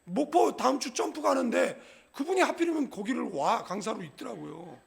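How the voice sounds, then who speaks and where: A man in middle age preaches in a church with a very high, gravelly voice. His pitch swings lively as he jokes and keeps calling out to the congregation for a response. He drops into a lower voice when he quotes other people. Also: brisk. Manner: humorous, conversational preaching with frequent call-and-response "예?". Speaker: pastor. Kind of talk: sermon. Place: church sanctuary.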